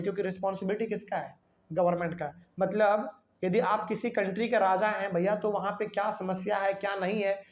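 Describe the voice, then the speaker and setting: A teacher explaining a history lesson for class 9. The teacher reads English lines slowly, then explains them in Hindi, asking the class questions and answering them. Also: medium pitch. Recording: echoey room.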